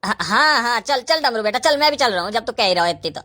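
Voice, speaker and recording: A blustering old grandfather who swears freely and barks orders, as a woman puts him on. The voice sits high and bright, gruff rather than deep. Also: lively intonation, fast. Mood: scolding. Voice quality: gruff, foul-mouthed, blustering. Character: crude bossy old grandfather, then a stern policeman.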